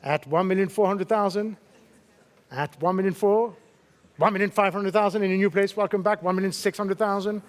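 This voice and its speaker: Man, high voice, fine art auctioneer, live bid calling, repeated figures, courteous coaxing, short questions. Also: fairly even intonation, brisk. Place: auction saleroom in London.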